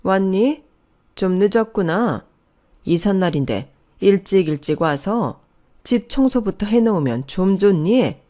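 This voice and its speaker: A woman voicing a cold, bossy older mother-in-law who scolds in a shrill voice. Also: lively intonation, unhurried, mellow, natural voice. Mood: cold scolding.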